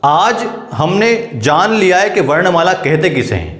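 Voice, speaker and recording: A man's voice: a little high, sing-song, unhurried, a bit bright. A man giving a step-by-step grammar lecture, asking questions and then answering them himself. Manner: explains step by step, asks and answers his own questions. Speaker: teacher. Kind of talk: classroom-style Hindi grammar lecture. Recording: echoey room.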